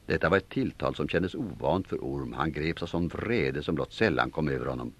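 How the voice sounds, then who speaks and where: A man narrating an audiobook in an expressive storytelling manner. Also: rumbling low. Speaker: audiobook reader. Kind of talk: scripted narration.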